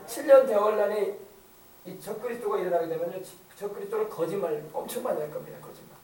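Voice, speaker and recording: A man's voice: high voice, fast, a little mellow. Emphatic preaching man in an echoey church. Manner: rhetorical questions, emphatic repetition. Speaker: pastor. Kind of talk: sermon. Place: church sanctuary. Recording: echoey church hall, distant mic.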